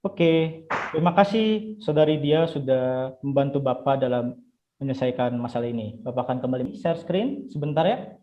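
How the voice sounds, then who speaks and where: A man's voice: medium pitch, lively intonation, moderate pace. A young man from Indonesia, a student teacher, leading an online class in an encouraging, friendly way. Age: young adult. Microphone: video call. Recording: slightly muffled online call audio.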